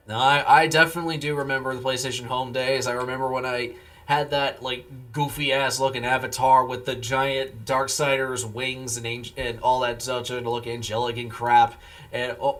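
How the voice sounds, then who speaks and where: A man's voice: mid-range voice, fairly bright tone. A man live streaming, chatting casually with viewers in a laid-back, rambling way. He sounds tired after a long day. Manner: laid-back and rambling, replies to chat messages.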